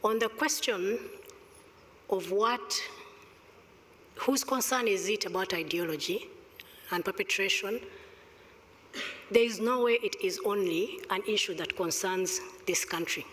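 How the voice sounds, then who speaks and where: On stage in a large indoor conference hall, a middle-aged woman with a Rwandan accent speaks as a panelist into a gooseneck table microphone. Her medium-pitched, fairly bright voice carries an emphatic, deliberate argument with pointed rhetorical questions, and the hall sound is reverberant.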